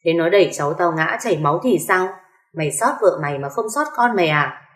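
A woman doing a shrill angry mother-in-law. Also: animated, quick pace, close to an everyday voice. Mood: furious. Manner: shrill, accusing. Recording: echoey room.

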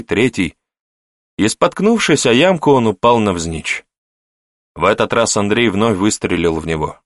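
Male audiobook narrator, low and measured, dry studio read. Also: no room sound. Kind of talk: scripted narration.

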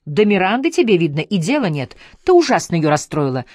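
A man's voice: sits high, sing-song, fairly quick, no echo, clean studio sound. A reader voicing Randall, a bitter young husband who accuses and screams at his wife. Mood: furious. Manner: shouting, accusing, sneering.

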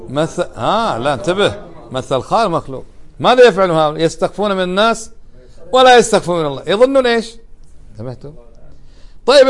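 A middle-aged man gives an animated religious lecture, often putting questions to his listeners and answering them himself. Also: sits high, smooth. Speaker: religious teacher. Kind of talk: lecture explaining a religious text.

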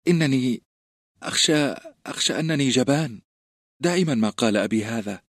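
Audiobook: man voicing a timid, stammering fat boy, raised and husky. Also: mid-range voice, lively intonation, a little fast, no echo, clean studio sound, voice pushed up, natural voice. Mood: ashamed. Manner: hesitant, stammering, apologetic. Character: plump timid teenage boy, stammering coward. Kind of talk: audiobook character voice.

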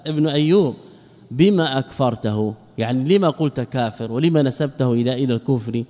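In a large hall, a male sheikh lectures a class on Arabic grammar, often posing questions and answering them himself and repeating words for emphasis. His voice is mid-range, warm and a little fast.

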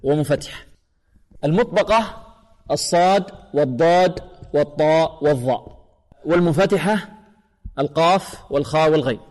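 A man with a fairly high voice teaches the rules of recitation, pausing on rhetorical questions and stretching out example phrases syllable by syllable. A long reverb trails after each line. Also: darkish tone. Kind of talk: tajweed lesson on an online radio program.

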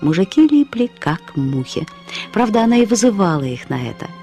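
An actress reads a short story as its narrator, a reflective woman wistfully and wryly recalling her flighty, dramatic female friend. Her medium-pitched voice moves at normal speed, expressive and conversational, in a studio radio play with faint music behind it.

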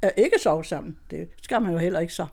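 A woman's voice: lowish voice, vocal fry, a little mellow. An older woman tells her own story in a loose, chatty way. She laughs often between her words and restarts her sentences again and again. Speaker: guest telling her story. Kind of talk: casual storytelling.

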